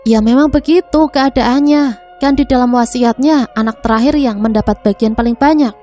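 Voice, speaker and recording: Woman doing poor farmer younger brother, pleading, kinda high voice, story reading. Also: moderate pace, dark tone, faint music behind, natural voice.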